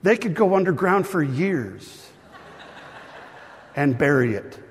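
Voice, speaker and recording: A male pastor preaching a sermon to a live congregation, animated and joking with the crowd. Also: fairly high pitch, takes it slowly, big-room sound, slight background noise.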